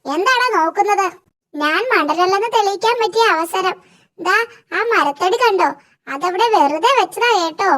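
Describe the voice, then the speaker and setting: Squeaky, sly cartoon jungle animals. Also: animated, normal speed, bright, forceful tone, full character voice. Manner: playful, giggling, sly. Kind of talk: cartoon voice acting.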